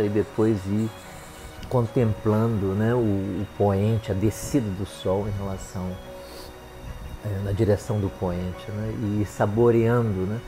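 An older man, a clinical psychologist, giving a slow reflective monologue full of tag questions. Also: fairly low pitch, warm tone. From Brazil. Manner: unhurried, musing, tag questions.

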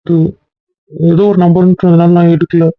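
Man, fairly high voice, monotone, quick, pleading, apologetic, dull dry recording. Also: no echo. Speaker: voice actor in an audio drama. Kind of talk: Tamil audio drama acting.

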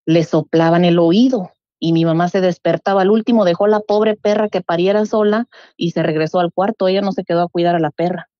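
A middle-aged woman, telling a true story in a casual, animated way and acting out the voices she quotes. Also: lowish voice, a little fast, hardly any pauses, dry recording. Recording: dull lo-fi dry sound.

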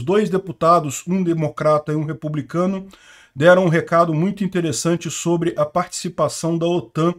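Opinionated man with a slightly high voice. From Brazil. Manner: informal, opinionated, frequent "né?" tags. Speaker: host of a war news channel. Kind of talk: news commentary over a map.

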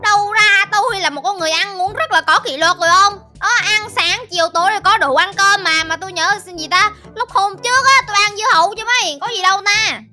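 A woman's voice: extremely high pitch, fast talker, few pauses, sharp tone, soft background music. A woman acting as a co-host character in a game machinima skit, chattery and whiny with many exclamations. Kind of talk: game machinima role-play.

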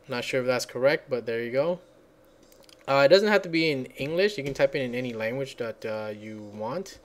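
Casual tutorial host, male, mid pitch, rambling, talks while typing. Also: lively intonation, fairly quick. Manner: rambling, thinks aloud and searches for words. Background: computer keyboard typing.

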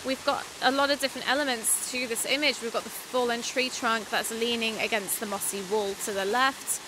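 A woman's voice: on the high side, steady tone. A young woman from Britain vlogging outdoors about waterfall photography in a wooded gorge, chatty and self-deprecating. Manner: chatty, self-deprecating, talks while hiking. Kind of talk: casual on-location vlog and voice-over narration. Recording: outdoor hiss with water noise. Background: rushing stream and waterfall.

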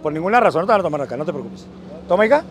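Out on a dusty neighborhood street, a middle-aged political campaigner with a northern Mexican accent hails passers-by and chats in warm slang. He talks on the high side, very animated and rapid-fire. Someone a few meters off filmed it on a phone, and the street is noisy.

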